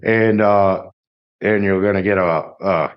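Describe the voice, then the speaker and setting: Low-voiced man telling profane army stories. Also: steady tone, measured pace, clean tone. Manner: swears constantly, rambling anecdotes. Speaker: podcast host. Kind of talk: casual profane storytelling. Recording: dull lo-fi audio.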